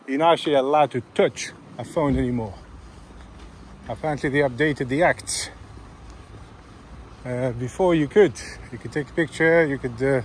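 A man's voice: medium pitch, slight background noise. A man vlogging outdoors with a handheld camera, chatting casually in a teasing, playful way and laughing often. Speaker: auditing vlogger filming with camera. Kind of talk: casual chat while filming outdoors. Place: outdoors on a city street.

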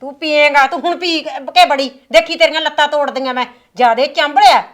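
Picture a stern village matriarch, played by a woman, her voice set high, who turns from gentle coaxing to fierce scolding and threats. She is middle-aged, caring toward her family, and sharp-tongued toward her son. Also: expressive, a little fast. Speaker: mother and mother-in-law. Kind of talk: village family drama acting.

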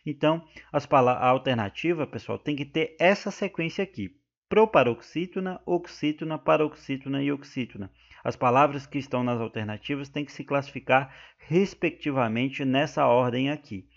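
A man's voice: mid-range voice, normal speed, gravelly. A man with a Brazilian Portuguese accent teaching an exam-prep grammar lesson, explaining step by step, often turning to his listeners and checking that they follow. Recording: muffled lo-fi recording.

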